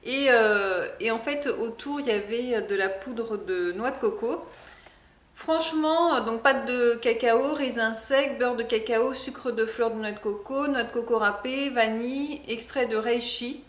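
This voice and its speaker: A woman's voice: on the high side, a little slow, roomy sound. A woman chatting casually in a product review vlog, hesitant with many fillers. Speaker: vlogger.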